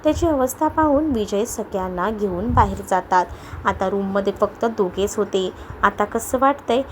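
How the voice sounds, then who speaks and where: A woman narrating a romance audio story with a steady, even reading. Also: mid-range voice, moderate pace, slight background noise, low-quality recording.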